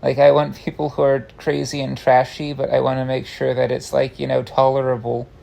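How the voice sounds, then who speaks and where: A man with a gravelly, creaky voice giving a casual confessional monologue, meandering and hesitant, often breaking off and restarting his sentences. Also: medium pitch, completely flat delivery, a little fast, a little mellow, low-quality recording. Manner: hesitant, meandering, self-interrupting with frequent false starts. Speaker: online content creator. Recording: faint background noise.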